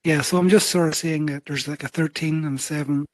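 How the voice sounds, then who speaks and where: A man's voice: a little high, fairly even intonation, fairly quick, no echo. A man taking part in a Bible study discussion, offering tentative, hedged observations.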